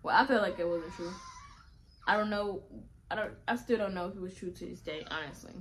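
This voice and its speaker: A woman's voice: mid-range voice, brisk. Young woman vlogger, casual and chatty, mid-range voice, faint home noise behind. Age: young adult. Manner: chatty, addresses viewers as y'all. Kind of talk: casual storytime.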